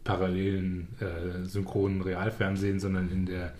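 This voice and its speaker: A man's voice: sits low, monotone, normal speed, a little mellow. A man in his forties in casual chat, telling stories with ironic exaggeration. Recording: roomy echo.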